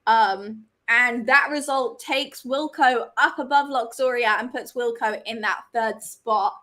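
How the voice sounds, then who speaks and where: Speaking a little slowly in a slightly high, bright, forceful voice, a soccer show co-host previews women's soccer in relaxed conversation. She laughs readily and encourages the audience to comment.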